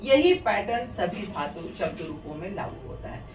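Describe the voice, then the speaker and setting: A woman's voice: mid-range voice, very animated, normal speed, reverberant, distant mic, a little hiss or hum, rough recording. A woman teaching a Sanskrit grammar lesson, patiently reciting and repeating word forms. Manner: patient, repetitive drilling of declensions.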